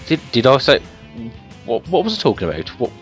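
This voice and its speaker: A man playing through a game and chatting casually, lively and quick to chuckle, often repeating his words. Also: medium pitch, faint music behind. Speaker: player narrating a playthrough. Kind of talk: casual gaming chat.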